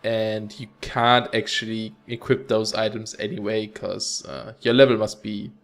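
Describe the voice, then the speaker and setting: A man's voice: lowish voice, level tone, unhurried, faint music behind. Chatty man narrating gameplay. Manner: casual, upbeat, rambling. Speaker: gaming channel host. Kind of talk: let's play commentary.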